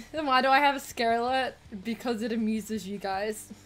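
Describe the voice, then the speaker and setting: A woman with a high-pitched voice chats to her livestream audience. Her manner is casual and giggly, with loose swearing. There is faint music in the background. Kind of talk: casual livestream chat with viewers.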